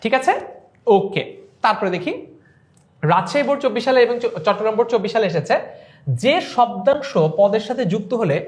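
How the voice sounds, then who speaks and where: A woman's voice: on the high side, animated, a little fast, long pauses. A woman with a Bangladeshi Bengali accent teaching an online exam revision class, explaining step by step and asking and answering her own questions.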